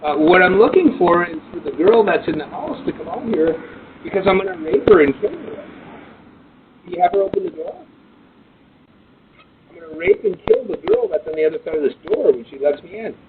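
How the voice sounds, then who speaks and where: Through a tinny doorbell speaker with clear noise behind it, a man talks in an insistent, halting way. He repeats himself, and his pitch swings up and down noticeably as he speaks at the front door. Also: animated. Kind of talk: talking through a doorbell intercom. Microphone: doorbell camera microphone. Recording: tinny noisy doorbell camera audio.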